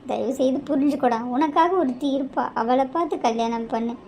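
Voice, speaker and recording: A woman's voice: sits high, a little fast, mellow, slight background noise. A woman voicing a married young woman in a cartoon who scolds and pleads with an exasperated edge. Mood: pleading. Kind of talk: cartoon voice acting.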